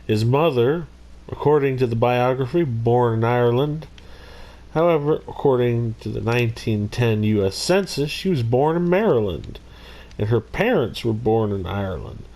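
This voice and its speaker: A man's voice: medium pitch, expressive, normal speed, darkish tone. A man hosting his own video, casually narrating a criminal history and breaking off into rambling jokey asides. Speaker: YouTube host. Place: Missouri.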